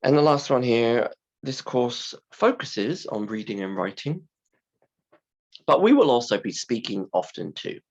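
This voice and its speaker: A man teaching a class in simple, deliberate, emphatic phrases, his voice hoarse, croaky and creaky from a sore throat. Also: medium pitch, big pitch swings, dull audio. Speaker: university English teacher. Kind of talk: scripted-slide lesson explanation.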